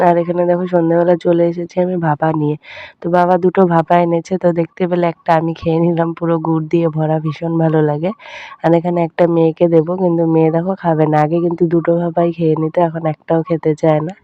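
Young woman vlogger, quick and even-toned chatty voice-over, dry close sound. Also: fairly low pitch, no room sound, lo-fi sound. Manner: chatty, addresses viewers as friends, keeps tagging "all right". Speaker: daily-life vlogger. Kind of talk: casual home vlog voice-over. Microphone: voice-over recorded separately.

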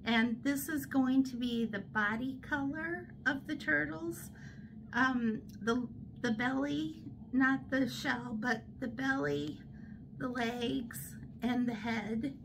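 A middle-aged woman chatting casually about her crochet project from a hospital bed, unhurried and laughing at herself. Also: on the high side, a little hiss or hum, rough recording. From United States. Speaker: crochet vlogger. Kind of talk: casual show-and-tell chat. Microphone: fixed camera in front.

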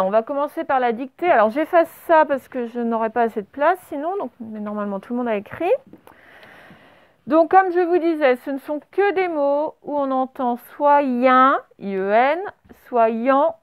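A woman's voice: sits high, animated, moderate pace, no room sound. A woman teaching a primary school dictation, breaking words into syllables and spelling them letter by letter. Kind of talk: classroom dictation lesson. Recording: slightly dull lo-fi recording.

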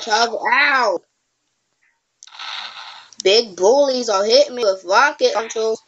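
A woman's voice: mid-range voice, highs cut off, slight background noise. A woman hosting a casual gameplay recording, teasing and trash-talking her friend as she plays. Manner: playful teasing trash talk. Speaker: gameplay channel host.

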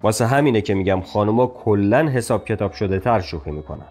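A man's voice: lowish voice, expressive, a little mellow. Chatty male reviewer with opinions. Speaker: show reviewer. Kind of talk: casual spoken commentary.

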